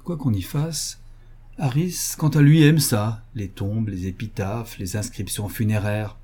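A man reading a humorous novel aloud in measured, even storybook narration. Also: on the low side, slightly rough. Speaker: audiobook reader.

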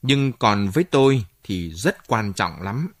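A man's voice: fairly low pitch, animated, slow, no room sound. Male reader voicing a proper, fretful storybook mother, fussy and scolding, dry sound. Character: anxious middle-aged mother, proper and fretful.

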